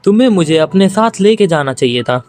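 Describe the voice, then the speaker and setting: A man voicing a blunt teenage schoolboy who looks out for his friends. The voice sits a little high, plain and reassuring. Faint music runs quietly beneath the storybook recap. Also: animated, fairly quick. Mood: firm. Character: earnest teenage schoolboy fighter, protective. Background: faint background music.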